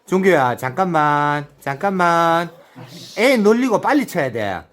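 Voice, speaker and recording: A man's voice: on the high side, sing-song, unhurried, fairly bright tone. A man instructing and cheering people on during a video game, with short repeated calls and a lot of laughter. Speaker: activity instructor.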